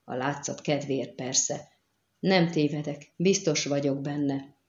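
A woman voicing a wary young woman telepath and spy who talks low and guarded, in an audiobook reading. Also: roomy sound, lo-fi sound. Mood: muttering.

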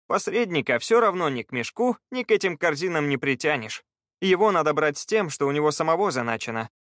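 A man reading an audiobook, voicing a cheerful, practical male treasure hunter in a raised, lively voice. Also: on the high side, a little fast, no echo, clean studio sound, voice pushed up. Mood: brisk.

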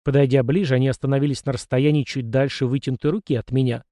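Man reading an audiobook, calm steady telling, mellow dark voice, dry close mic. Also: mid-range voice, quick pace, no room sound. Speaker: audiobook narrator. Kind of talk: first-person audiobook narration.

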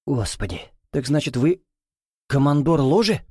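A man's voice: medium pitch, expressive, measured pace, dark tone, breathy edge, dry recording, studio quality, pitched above the performer's own voice. Male reader playing a nervous, cornered man who babbles his excuses. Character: flustered, frightened man caught lying.

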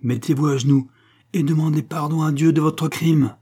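A man's voice: a little high, steady tone, normal speed, mellow, husky, voice pushed up. A man playing a stern boy duke. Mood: coldly resolute. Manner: firm, solemn, commanding. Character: cold resolute thirteen-year-old boy duke.

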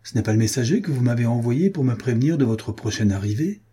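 A man voicing a vengeful, imperious noblewoman in an audiobook, giving sharp, commanding orders. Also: medium pitch, lively intonation, fast, breathy edge. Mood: urgent.

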